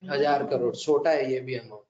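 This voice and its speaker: A man's voice: mid-range voice, steady tone, moderate pace, a little mellow. A man with an Indian accent teaching an interactive classroom lecture, mixing Hindi and English, joking and quizzing students by name. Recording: echoey room, dull conference recording.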